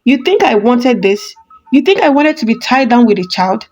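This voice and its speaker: Scheming pastor, cold and calculating, as a woman narrator reads him, higher-pitched read, light music bed. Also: big pitch swings, moderate pace, darkish tone. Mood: furious.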